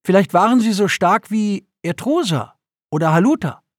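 A man reading aloud, voicing an eager, excited young boy in a loud, high-pitched voice. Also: normal speed, dry recording, clean studio sound.

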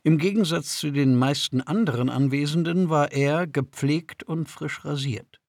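Guy reading an audiobook, gravelly husky voice, dry close sound. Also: a little high, unhurried, dry recording. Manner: steady, even storytelling. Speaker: narrator. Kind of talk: audiobook narration.

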